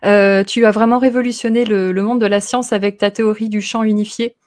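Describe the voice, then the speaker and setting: A woman's voice: mid-range voice, steady tone, fairly quick, darkish tone. A woman hosting a live interview in a conversational, unscripted style. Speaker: host.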